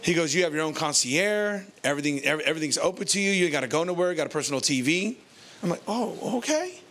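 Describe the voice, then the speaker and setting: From a church stage, an American male pastor preaches an informal sermon into a handheld microphone, his bright, forceful voice pitched a little high. He talks quickly in an animated, conversational way, with colloquial phrasing and repeated phrases for emphasis. Slight background noise is present.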